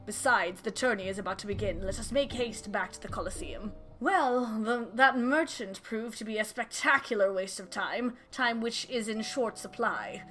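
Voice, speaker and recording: Formal, scheming game strategist read by a woman, clipped haughty diction, lower and restrained. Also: normal speed, hardly any pauses, a bit bright, soft background music, lightly acted. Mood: terse, commanding.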